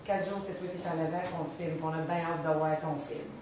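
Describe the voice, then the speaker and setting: A woman with a Quebec French accent giving a humorous storytelling talk to an audience. She is animated, acts out the voices she quotes and laughs often. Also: low voice, fairly quick, noisy background. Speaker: speaker, special education trainer. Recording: echoey hall, mic at a distance.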